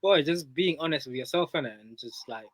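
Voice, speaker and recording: A man's voice: fairly high pitch, expressive, a little fast, fairly bright tone. A young man from Kenya, a music group member telling playful stories in casual banter. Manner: playful, storytelling.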